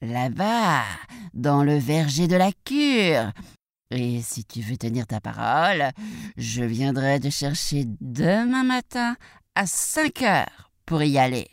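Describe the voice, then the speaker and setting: A woman voicing a sly, menacing wolf in a children's storybook reading, drawing out every word in a slow, coaxing way. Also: sits low, lively intonation, no room sound, studio quality, full character voice. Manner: slow drawn-out coaxing delivery. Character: sly menacing big bad wolf, drawling and hungry.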